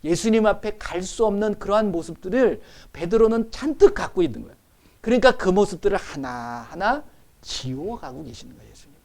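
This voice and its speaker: A male pastor preaching a sermon, asking the congregation rhetorical questions and moving between loud emphasis and quiet asides. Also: high voice, expressive, brisk.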